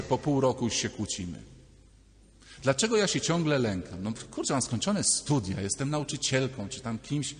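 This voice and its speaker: Animated priest preaching in a reverberant church. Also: male voice, mid-range voice. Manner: lively, acts out little dialogues, addresses listeners directly. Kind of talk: sermon.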